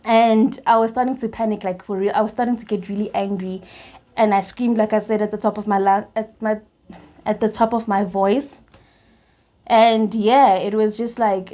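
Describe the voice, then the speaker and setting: Speaking at a normal speed in a mid-range voice, a young South African woman with a matching accent shares a personal tale on her storytime vlog. The YouTuber stays animated, laughing frequently as she restarts.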